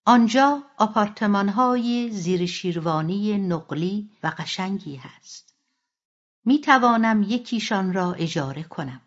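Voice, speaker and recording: A woman voicing a middle-aged mother who speaks softly and reflectively, in a slightly dull recording. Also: medium pitch, expressive, lightly acted. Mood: wistful.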